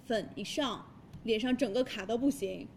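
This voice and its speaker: A woman's voice: fairly high pitch, moderate pace, darkish tone, slight background noise. A woman hosting live shopping in a chatty hard-sell style, often checking for agreement with little tag questions.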